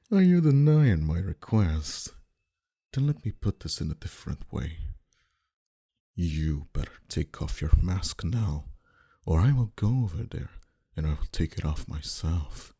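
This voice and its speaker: A voice actor plays a dominant, flirty mafia boss in an intimate ASMR roleplay, speaking deliberately in a quietly threatening, teasing way. His voice is low and exaggerated, with a breathy edge.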